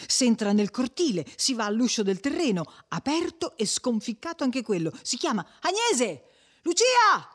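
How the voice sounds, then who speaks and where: Expressive reader of a classic novel. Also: medium pitch, moderate pace, few pauses. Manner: expressive, varied pacing for suspense. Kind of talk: dramatic audiobook narration.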